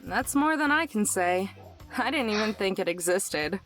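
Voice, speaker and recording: An actress voicing a self-assured young woman with a dry, deadpan delivery. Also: medium pitch, faint music behind, close to an everyday voice. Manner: deadpan and unhurried. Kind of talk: game voice acting.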